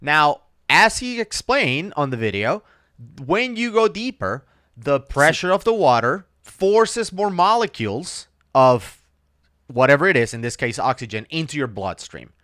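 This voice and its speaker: Bright, animated man in reaction video commentary. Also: on the high side, measured pace, no echo, studio quality. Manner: explanatory, technical. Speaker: scuba diver reacting to a video.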